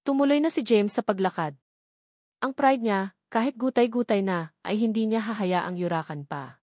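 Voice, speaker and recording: Reading a dramatic, scripted tale for an audiobook, a woman with a Filipino accent speaks at a normal pace in a mid-range voice with a touch of mellowness. The sound is clean studio audio, recorded dry.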